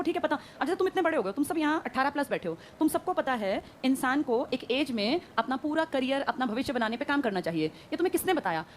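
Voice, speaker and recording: A woman teacher giving a brisk classroom lecture, quizzing her students and answering her own questions. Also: high voice, a little hiss or hum.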